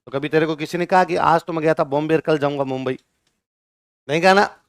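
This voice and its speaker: A man's voice: on the high side, fairly quick, gravelly, smooth, no echo, clean studio sound. A male teacher giving a classroom lecture, firing questions at his students and answering them himself.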